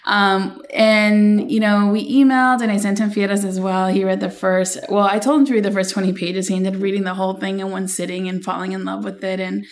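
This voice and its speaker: A woman from Los Angeles, a screenwriter guest on a podcast, telling her story in a lively way with lots of "um" and "like.". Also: medium pitch, fairly quick, few pauses. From Los Angeles, USA. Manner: animated storyteller, many fillers and restarts. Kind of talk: interview storytelling.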